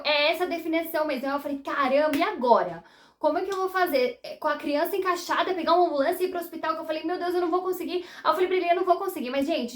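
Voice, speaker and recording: A young Brazilian woman with a Brazilian Portuguese accent, telling her viewers a personal story in a chatty, animated way. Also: high-pitched. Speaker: vlogger.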